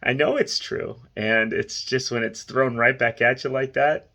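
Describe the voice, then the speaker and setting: A man's voice: mid-range voice, steady tone, unhurried, creaky, sharp tone. A middle-aged man chatting casually and earnestly to his viewers, in a rambling, conversational way as a vlog host. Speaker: host of a music reaction vlog.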